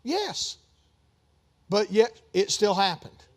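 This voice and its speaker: Male pastor, high voice, conversational sermon, swings into loud emphatic peaks. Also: sing-song, slow. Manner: conversational preaching with rising emphatic bursts and asides.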